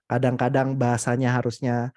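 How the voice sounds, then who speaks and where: A young adult man giving a casual, motivational webinar talk, animated and full of hesitant fillers. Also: mid-range voice, fairly quick, dry recording. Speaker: webinar speaker.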